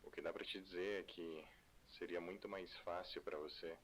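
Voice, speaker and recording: An actor voicing a calm, ominous unseen man in a horror game, speaking in a measured, cryptic way. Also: low-pitched, a little hiss or hum.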